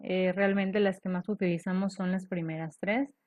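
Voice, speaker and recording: A woman's voice: on the low side, steady tone, moderate pace, darkish tone, dry recording. A woman teacher explaining grammar rules step by step, patiently checking in with her students. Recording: dull lo-fi dry recording.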